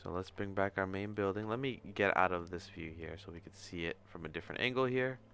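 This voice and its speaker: A man with a deep, gravelly, slightly bright voice talks quickly while hosting a casual tutorial livestream as an animator, sharing his screen. He murmurs his way through each step informally, thinking aloud to himself. Music plays beneath his voice, and there's a little hiss or hum.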